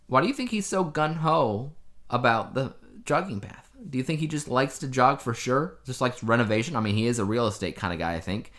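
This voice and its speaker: A podcast co-host chats casually while reviewing a TV show, his voice medium in pitch and a touch bright. He tells things conversationally, dropping in emphatic asides.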